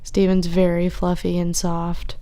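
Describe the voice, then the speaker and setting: Young female guest, creaky fry in the voice, teasing casual banter. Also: on the low side, monotone, measured pace, mellow. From Louisiana. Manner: playful, teasing. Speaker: podcast guest. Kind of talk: casual chat.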